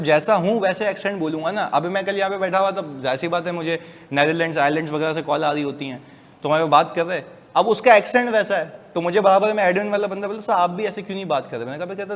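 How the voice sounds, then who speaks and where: A fairly high-voiced man teaching a class in a relaxed, joking way. His voice carries a long reverb, as if he was recorded from across a large room, with faint hiss underneath. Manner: chatty, joking, lively asides to students. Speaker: accounting lecturer. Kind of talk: casual classroom lecture.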